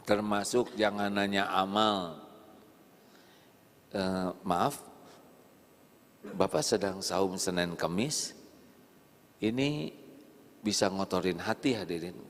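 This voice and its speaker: A man preaching a lively sermon to a live audience, playfully acting out little dialogues with big jumps in pitch. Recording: long hall reverb.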